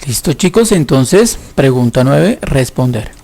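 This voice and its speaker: Gravelly male teacher explaining slowly. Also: medium pitch, big pitch swings, warm tone. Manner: explanatory, patient, thinks aloud with fillers. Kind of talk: recorded school lesson.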